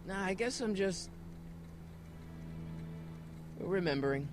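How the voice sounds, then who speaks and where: Earnest American teen boy, high and very animated, anxious game hero over loud music. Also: slow, background noise. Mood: dejected. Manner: expressive, anxious, boyish. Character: earnest, anxious teenage boy, scientist's loyal friend. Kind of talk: video game voice acting.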